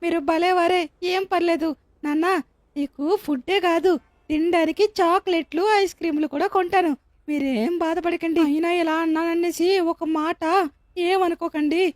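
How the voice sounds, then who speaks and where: A woman with a Telugu accent narrating and voicing a kind young woman in a game video, lively and emphatic. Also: very high voice, normal speed, no room sound, clean studio sound. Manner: lively, emphatic, talking to herself. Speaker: narrator and heroine of a game dub. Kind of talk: dubbed game-video role-play.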